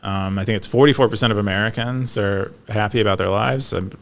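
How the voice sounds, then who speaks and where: With a lowish voice, fast delivery and vocal fry, this Californian podcast co-host talks through an idea in a relaxed chat. There's a slight hiss or hum, and his speech keeps stalling on fillers and false starts.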